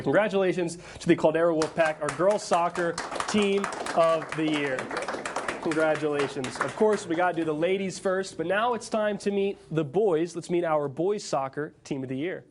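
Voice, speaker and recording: A man's voice: fairly high pitch, moderate pace, background noise. A man hosting an awards show live in a studio, presenting and interviewing in a congratulatory manner. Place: studio set with people present.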